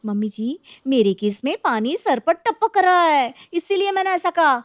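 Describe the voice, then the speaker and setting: A stubborn young daughter-in-law, voiced by a woman, shrill and indignant in a storybook drama. Her high voice is recorded close and dry. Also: expressive, moderate pace, no room sound.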